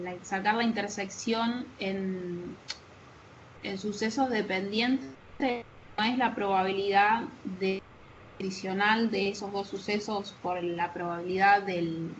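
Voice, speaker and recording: A woman student asking a question in an online class, her voice choppy and breaking up over a bad internet connection. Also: mid-range voice. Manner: hesitant, slow and searching for words. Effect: choppy audio over a bad internet connection. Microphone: computer mic on a video call. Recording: dull lo-fi call audio with faint noise.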